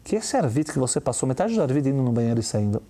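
A man with a Brazilian Portuguese accent giving a lively religious talk, full of rhetorical questions and quick mimicry. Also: mid-range voice. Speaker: religious teacher. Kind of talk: lively sermon-style talk.

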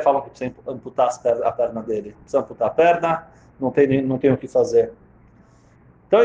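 High-voiced man telling a sermon story. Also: a little mellow. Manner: emphatic, repeats key phrases. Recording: roomy, slightly dull sound.

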